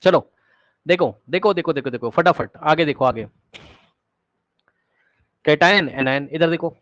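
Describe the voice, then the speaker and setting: A male teacher giving a live online class lecture, energetic, repeating words rapidly to prod his students and coaxing them with questions. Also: a little high, dry recording. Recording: dull, dry online-class audio.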